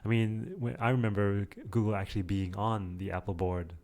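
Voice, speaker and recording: A man's voice: lowish voice, flat delivery, brisk, darkish tone. A man co-hosting a tech podcast, asking questions and steering the casual conversation. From Australia. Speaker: podcast co-host.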